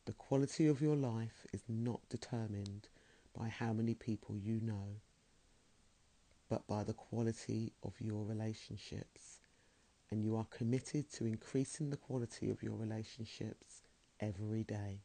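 A man leading a guided meditation in a slow, soothing, soft-spoken way. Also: lowish voice, fairly even intonation.

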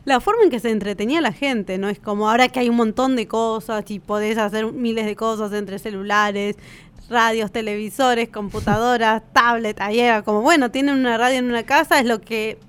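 Co-hosting a podcast, a woman with an Argentine accent chats casually, often tossing in little tag questions to check for agreement. Her voice is a little high and steady, fairly quick, with a clear, resonant, slightly bright tone.

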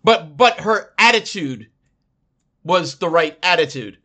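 A man's voice: a little high, animated, slow, bright, forceful tone. A man co-hosting a casual chat, hesitant, often stammering and restarting. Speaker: podcast co-host.

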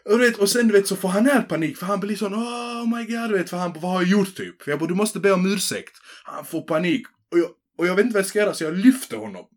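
A man's voice: high voice, expressive, few pauses. A young man in his twenties telling a story in casual chat, acting out quoted voices and throwing in English swear words.

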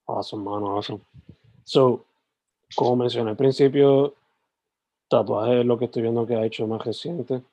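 Male interviewer, medium pitch, relaxed conversational Spanglish, mildly lo-fi audio. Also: moderate pace, long pauses. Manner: Spanglish, switching between Spanish and English. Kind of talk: casual interview. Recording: slightly dull, lo-fi sound.

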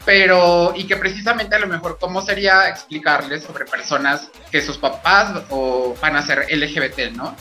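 A man's voice: fairly high pitch, normal speed, hardly any pauses, sharp tone, faint music behind. A man with a Mexican accent, a podcast guest speaking earnestly in a casual panel discussion and often repeating words as he searches for them. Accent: Mexican Spanish.

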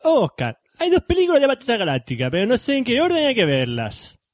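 A man co-hosting a comedy podcast, chatty and quick to laugh, asking the others questions. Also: very high-pitched, huge pitch swings, dry recording, clean studio sound. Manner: talkative, laughs often, poses questions to the others. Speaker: podcast co-host. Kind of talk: casual comedic chat.

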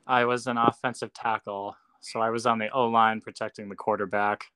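A man's voice: on the low side, little pitch movement, fairly quick, bright, forceful tone, clean tone. A man from Minnesota, a podcast guest giving brief, dry answers. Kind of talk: casual podcast chat.

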